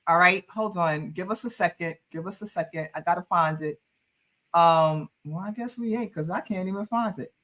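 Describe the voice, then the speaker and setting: Brief: woman co-host with a New York accent, playful and repetitive, crisp sharp tone. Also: fairly low pitch, normal speed. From Harlem, New York. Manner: playful, repeats phrases for effect. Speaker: podcast co-host. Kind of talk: casual podcast banter.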